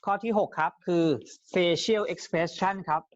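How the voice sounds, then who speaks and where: A male sales trainer giving an explanatory lesson in a polite manner, often softening his phrases, sometimes acting out customers to demonstrate. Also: high voice, slow, no echo. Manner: acts out customer lines to demonstrate. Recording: dry, slightly dull lo-fi sound.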